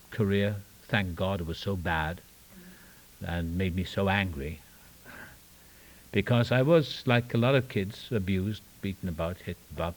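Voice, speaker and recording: The rough recording captures a deep-voiced older Welshman telling his personal story at a recovery meeting in a meeting room. Wryly self-deprecating, he rambles, restarts and lets his asides trail off.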